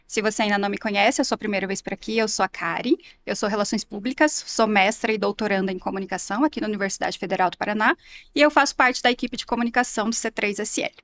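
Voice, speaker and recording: A woman's voice: medium pitch, fast talker, fairly bright tone. A young adult woman hosting a podcast, introducing guests in a friendly, upbeat, well-structured way. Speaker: podcast host.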